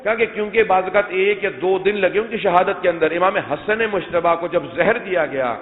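A man delivering an emotional mourning sermon, telling narrations and addressing the congregation directly. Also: high voice. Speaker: Shia preacher. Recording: echoey hall, tinny phone-like sound.

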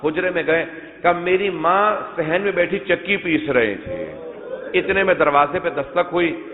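A high-pitched man gives an emotional mourning sermon and turns often to the congregation as he tells old narrations. His voice rings with a long hall reverb and comes through thin and tinny, like a phone line. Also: animated, crowd noise. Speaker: Shia preacher.

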